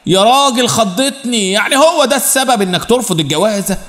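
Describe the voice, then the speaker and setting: A hearty middle-aged Egyptian friend, played by a man telling the story, speaks with a warm, pleading manner. The voice sits high and carries a long echo. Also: animated, quick pace. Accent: Egyptian Arabic.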